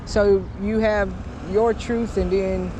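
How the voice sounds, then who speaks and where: Insistent high-voiced man preaching on the street. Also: little pitch movement, slow. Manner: insistent, pressing with repeated questions and assertions. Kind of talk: street debate, challenging questions. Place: outdoors on an urban street. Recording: noisy outdoor street, traffic behind.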